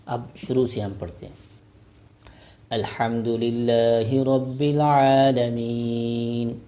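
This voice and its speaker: A man teaching a Quran recitation lesson, explaining rules and spelling out each syllable slowly before reciting the verse drawn out. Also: lowish voice, dark tone, muffled recording.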